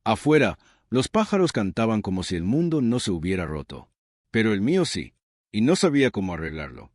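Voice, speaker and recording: A man's voice: on the low side, sing-song, brisk, a little mellow, no echo, studio quality. An older man with a Rioplatense Spanish accent, narrating a scripted story in a reflective, earnest way.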